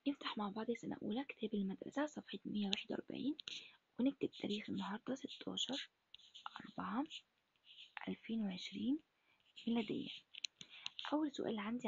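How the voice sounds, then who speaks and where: A woman teaching Arabic to first graders in an Egyptian accent, asking questions and answering them herself in a breathy, half-whispered voice. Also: on the high side, no echo, muffled recording. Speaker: primary school Arabic teacher. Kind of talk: recorded lesson for first graders.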